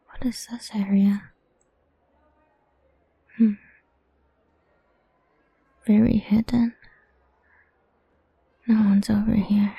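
Woman, young adult, soft teasing whisper, very dark tone, dry close sound. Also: medium pitch, level tone, drawn-out words, creaky, pauses often, husky, no echo. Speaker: audio roleplay performer. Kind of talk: whispered intimate audio roleplay.

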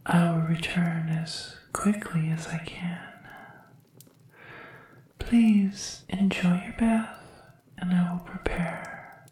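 A woman's voice: on the low side, flat delivery, takes it slowly, long pauses, darkish tone, very echoey, distant mic. A woman voicing a devoted, formal female servant from another world, whispering hesitantly and deferentially in an ASMR roleplay.

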